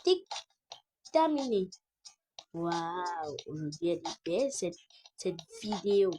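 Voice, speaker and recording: A woman playing a young woman filming a home vlog in secret, in an amateur web drama, with a halting delivery full of restarts. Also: lowish voice, sing-song, mellow, slight background noise. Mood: muttering, hurried. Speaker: vlogger.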